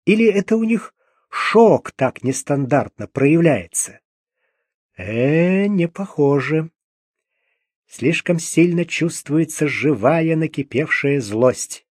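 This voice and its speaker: A man's voice: a little high, lively intonation, slow, a little mellow, no room sound. A man narrating an audiobook detective story with dry, wry irony. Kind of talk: scripted narration.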